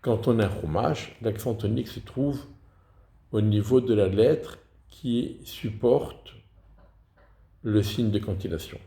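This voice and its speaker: A man giving a slow, deliberate lesson on reading liturgical texts, pausing to sound out example words. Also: fairly low pitch, gravelly, dark tone, roomy sound. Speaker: teacher of Hebrew liturgical reading.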